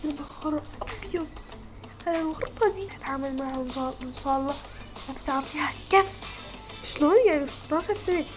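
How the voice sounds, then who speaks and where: A woman's voice: sits high, rapid-fire, music in the background. Chatty young woman gamer. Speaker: gaming vlogger. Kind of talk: casual game narration.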